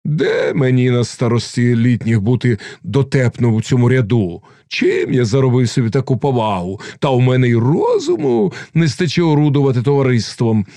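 A man's voice: medium pitch, dark tone, dry recording, studio quality. A man voicing an old, wise male cossack who humbly declines an honour. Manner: humble pleading.

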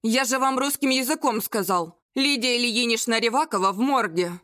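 A woman's voice: fairly high pitch, normal speed, sharp tone, no room sound, studio quality. A woman voicing a stern, sarcastic male police investigator. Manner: stern and mocking.

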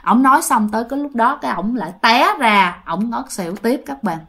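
A woman's voice: on the high side, lively intonation, brisk, a bit bright. A woman with a Southern Vietnamese accent telling a ghost story in a chatty way, addressing her listeners directly.

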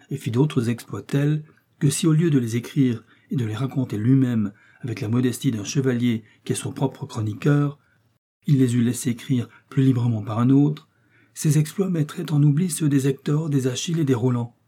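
Man reading a measured learned village priest. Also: mid-range voice, mellow, breathy edge, natural voice. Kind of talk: audiobook reading.

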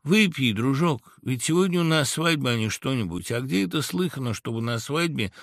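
A cheerful woodpecker guest, which a man acts out, calls out loud and friendly in a storybook tale. His voice sits well above the reader's own, bright and lively. It is recorded close and dry. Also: a little high, brisk, no room sound, voice pushed up. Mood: coaxing. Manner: loud, jovial, coaxing. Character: eager boastful male woodpecker wedding guest.

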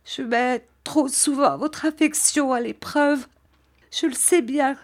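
A woman's voice: high voice, fairly even intonation, slow pace, voice pushed up. A woman voicing a tearful, remorseful young woman who pleads through sobs in an audiobook. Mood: remorseful sobbing.

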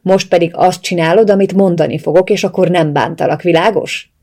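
A woman's voice: low voice, dark tone, breathy edge. A woman reading the lines of a controlling, violent ex-lover in an audiobook, in a commanding, threatening manner. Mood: menacing.

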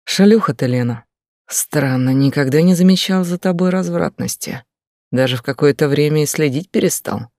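A man voicing an angry, jealous middle-aged husband who accuses and shouts harshly in an audiobook. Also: on the high side, moderate pace, no room sound, studio quality, natural voice. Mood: accusing.

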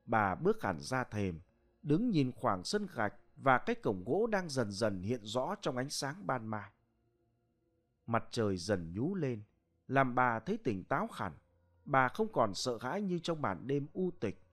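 A man narrating a village ghost story in a slow, dramatic manner. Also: mid-range voice, sing-song.

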